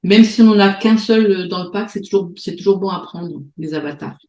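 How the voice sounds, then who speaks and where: Femme au timbre doux, appel vidéo résonant. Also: female voice, lowish voice, moderate pace, a little mellow, reverberant, poor audio. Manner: hesitant, many fillers and restarts. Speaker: host of an online meeting. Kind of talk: casual presentation on a video call. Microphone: video call.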